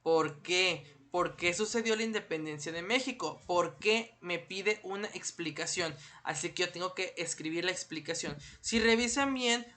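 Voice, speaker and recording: A man leads an online lesson in a bright, ringing voice. He poses questions to his students and patiently supplies the answers himself. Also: high-pitched. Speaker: primary school teacher.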